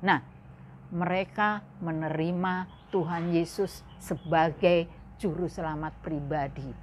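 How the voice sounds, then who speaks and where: A woman's voice: slow pace, a little hiss or hum. A woman teaching Sunday school, telling a Bible story to children and keeping them involved with questions. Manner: keeps asking questions and addressing the children directly; lively and expressive, swinging her pitch up and down.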